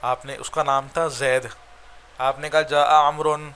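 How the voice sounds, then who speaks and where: A man's voice: mid-range voice, level tone, pushed and bright, slight background noise. A man with a Pakistani Urdu accent teaching Arabic grammar in a recorded online lecture, explaining step by step and checking "right?" after each point.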